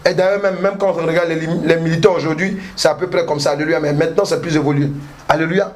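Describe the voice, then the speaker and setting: A male pastor preaching a sermon with emphatic call-and-response, peppered with alléluia and amen, breaking into shouts. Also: on the high side, fairly even intonation, fast talker. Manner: bursts into shouting.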